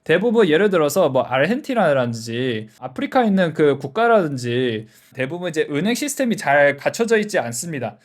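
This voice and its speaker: Male explainer host from South Korea: higher-than-average voice, very animated melody, casual simple teaching with everyday examples. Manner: explains step by step with simple examples and rhetorical questions.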